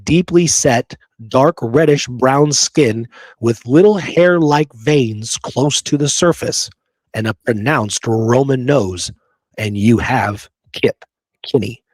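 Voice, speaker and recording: Taking things slowly, this podcast co-host on a history talk show reads out quotations and slips in casual remarks of his own. His voice is mid-range, and the recording is dry.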